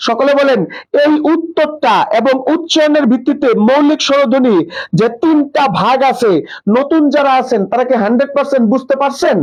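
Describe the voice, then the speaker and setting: Quizzing male tutor with a high voice. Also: fairly quick. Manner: quizzing, drills students with questions and repetition. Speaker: online tutor. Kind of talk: live online class. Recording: dull lo-fi live stream audio.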